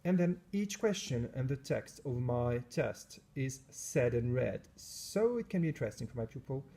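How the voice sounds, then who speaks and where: A man's voice: mid-range voice, very animated, normal speed, dark tone, breathy edge. A French man, a science teacher, chatting casually to camera in his school lab, often searching for English words and correcting himself. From France. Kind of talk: casual vlog talk to camera.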